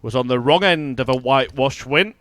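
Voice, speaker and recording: A man giving live darts commentary in measured, analytical short observations. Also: medium pitch, a bit bright.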